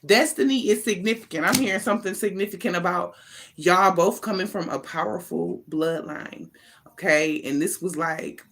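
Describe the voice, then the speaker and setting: She's an American tarot reader who hosts an online channel, doing an off-the-cuff reading in a lowish, fairly bright voice at a moderate pace. Her style is emphatic and conversational, full of slang and easygoing profanity.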